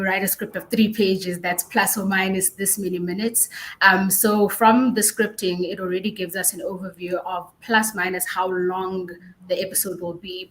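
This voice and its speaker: A woman's voice: a bit bright, poor audio. A woman speaking as a panelist, explaining her work off the cuff. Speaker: panelist, podcast editor. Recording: clear background noise with low rumble.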